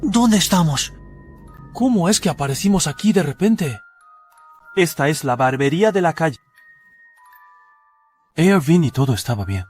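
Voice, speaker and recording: Guy doing an arrogant excitable young anime dude, swingy highish voice, money hungry. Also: normal speed, pauses often, soft background music, close to an everyday voice. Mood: alarmed.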